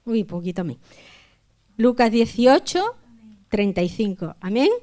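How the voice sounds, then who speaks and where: Pastora con acento de España, voz algo aguda, lee la Biblia con expresión y ora en voz suave. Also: female voice, on the high side, very animated, measured pace. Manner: reads aloud with feeling, raising her voice on the cries of the blind men; softer, hushed tone when praying. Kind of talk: scripture reading and prayer.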